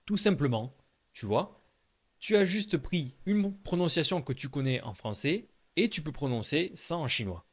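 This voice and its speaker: A man's voice: on the high side, animated, moderate pace. A man giving a casual video lesson on pronunciation, speaking directly and informally to the viewer and demonstrating sounds aloud. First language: French. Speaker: Chinese language teacher.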